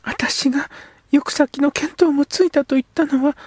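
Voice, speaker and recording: A man doing a young edo girl, breathy and earnest. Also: very high voice, steady tone, moderate pace, no echo, pitched above the performer's own voice. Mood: pleading, earnest. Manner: pleading, breathy half-whispers. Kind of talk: audiobook character voice.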